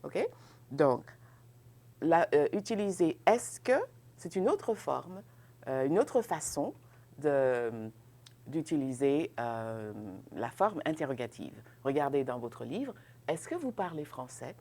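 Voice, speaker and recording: A woman with a low voice teaches French grammar at an unhurried pace. She explains in English and sings out the French example questions with exaggerated rising pitch. Her pitch swings widely, and she keeps checking in with her students. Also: expressive, dark tone. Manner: checks in often with "ok?", laughs lightly. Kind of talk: bilingual classroom grammar lesson.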